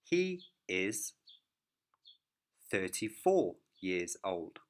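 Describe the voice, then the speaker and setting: Very slow, carefully spoken male teacher. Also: deep voice, big pitch swings. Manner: clear, careful word-by-word delivery. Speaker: English teacher. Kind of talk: slow, deliberate beginner lesson.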